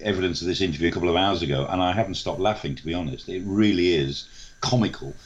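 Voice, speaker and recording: A man's voice: low voice, quick pace, dull audio. An older man with a British accent giving spontaneous expert analysis on the news, explaining his points emphatically. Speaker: defence expert guest, professor.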